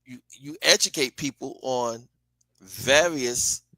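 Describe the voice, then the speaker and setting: Middle aged guy chatting casually, punchy bright voice, dry sound, repeats his point for emphasis. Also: mid-range voice, slow pace, dry recording, low-quality recording. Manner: emphatic, repeats key phrases. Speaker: DJ, interview guest. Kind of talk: casual chat.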